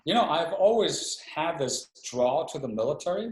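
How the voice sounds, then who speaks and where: A man's voice: fairly high pitch, sing-song, normal speed. A middle-aged man from Hawaii, an Army chaplain speaking as a guest in a webinar interview, reflective and a little hesitant, often restarting his sentences. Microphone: video call. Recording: roomy echo.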